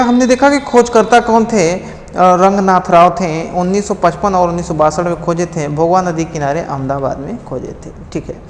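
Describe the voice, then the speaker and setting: A man's voice: sits high, reverberant, big-room sound. A man from India teaching an exam-prep history lesson, quizzing his students by repeating each key fact as a question and giving memory tricks.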